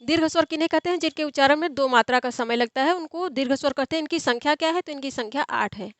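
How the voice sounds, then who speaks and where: High-voiced woman teaching Sanskrit grammar. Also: quick pace, no echo. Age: young adult. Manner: explains step by step, asks and answers her own questions. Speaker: Sanskrit exam tutor. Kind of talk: online exam-prep lecture.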